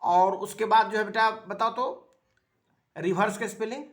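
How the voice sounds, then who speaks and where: A man teaching a child spelling in a home lesson, coaxing patiently and repeating his prompts, his explanations halting and full of filler sounds. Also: high voice, fairly even intonation.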